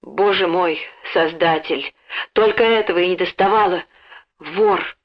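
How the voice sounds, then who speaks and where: A woman's voice: mid-range voice, lively intonation, unhurried. A woman voicing an emotional, genteel mother in a storybook, speaking in trembling exclamations. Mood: outraged. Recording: dull lo-fi recording.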